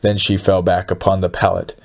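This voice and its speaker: A man with a lowish voice narrates an audiobook. He reads in a steady, measured way. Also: vocal fry.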